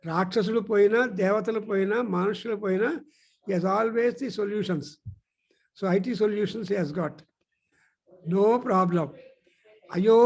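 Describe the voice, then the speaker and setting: A man gives a spiritual discourse in a high voice, moving at a very slow, deliberate pace. He teaches through stories and pauses with "uh" as he gathers his thoughts. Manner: explanatory storytelling, pausing with "uh". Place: teaching centre.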